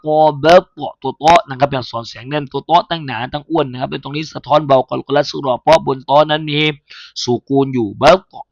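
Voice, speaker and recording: Male recitation teacher with a Thai accent, chanting letters slowly, dry close lo-fi recording. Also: medium pitch, dry recording. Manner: slow melodic spelling chant, then brisk explanation. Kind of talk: chanting Arabic letters then explaining in a lesson. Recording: dull lo-fi sound.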